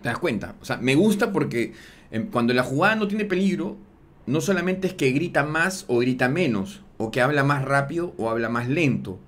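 A man's voice: medium pitch, lively intonation, normal speed, fairly bright tone. A man, hosting a sports talk show, explaining things in a loose, slangy way full of fillers. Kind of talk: casual analysis chat.

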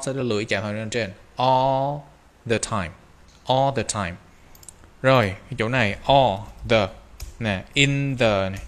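A man teaching English pronunciation, drawing out slow model phrases between quick explanations. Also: mid-range voice, a bit bright, smooth. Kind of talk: pronunciation lesson.

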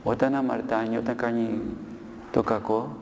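A man with a gravelly, dark, mellow voice preaches to a group of children as a monk priest, telling a story and pausing to ask his listeners questions. His voice rings out in a long-echoing hall, with a faint hum of ambient noise behind it. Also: medium pitch, little pitch movement. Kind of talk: sermon to children. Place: monastery hall.

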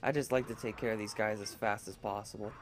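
A man's voice: fairly low pitch, fast, music in the background. Groggy-voiced man commenting on a game. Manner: relaxed, mumbling, with bursts of swearing. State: groggy morning voice. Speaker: gamer playing a video game. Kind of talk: casual gameplay commentary.

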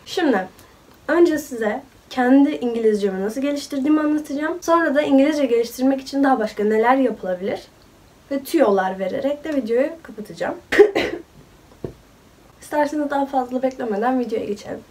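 A woman's voice: high voice, a little fast, darkish tone, distant mic. A woman in her twenties with a cold, chatting casually as a vlogger and laughing often. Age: 20s. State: sick with a cold. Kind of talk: casual chat.

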